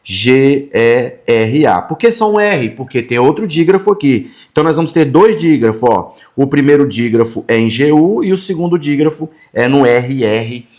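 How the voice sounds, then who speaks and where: A man with a Brazilian Portuguese accent teaching a grammar lesson, sounding out words slowly and checking in with students every few phrases. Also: a little high, expressive, a little mellow. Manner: friendly, checks in often with quick tags like "fechou?" and "tá?"; sounds out words slowly and repeats them for emphasis.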